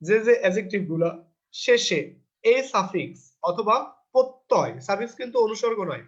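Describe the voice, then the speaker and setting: A man teaching English grammar in a test-prep lecture. He asks himself questions and answers them, and he reads the English rules out slowly before explaining them. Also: high-pitched, lively intonation, muffled recording.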